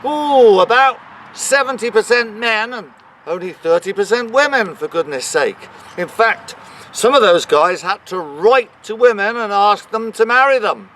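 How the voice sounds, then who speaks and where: A man speaking as a town crier guiding an outdoor history tour, proclaiming theatrically with drawn-out emphasis, exclamations and rhetorical questions. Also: high voice, animated, bright, forceful tone, recorded from a distance, a little hiss or hum, low-quality recording. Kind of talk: guided history tour narration. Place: outdoors in a cemetery.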